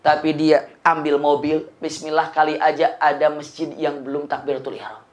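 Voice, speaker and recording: A man preaching to a congregation, turning a story into a lively performance. He acts out the scenes himself, breaking into sudden loud bursts and laughing along the way. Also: fairly high pitch, normal speed. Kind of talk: storytelling sermon.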